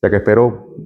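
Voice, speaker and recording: A man's voice: medium pitch, darkish tone, slightly rough. A middle-aged man, a university lecturer taking roll and chatting with students in a classroom. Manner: friendly, chatty, jokes with students.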